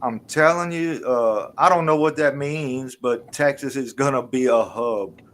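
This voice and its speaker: A man's voice: mid-range voice, unhurried, fairly bright tone. A man in a casual stream chat who talks emphatically and often ends his phrases with "man.". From Louisiana. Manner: emphatic, repeats "man", confident predictions.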